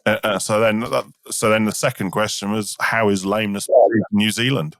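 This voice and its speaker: A man's voice: lowish voice, fairly even intonation, moderate pace, a bit bright, dry recording, clean studio sound. A man hosting a casual podcast interview, chatty and fond of anecdotes in which he acts out the quotes. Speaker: podcast host.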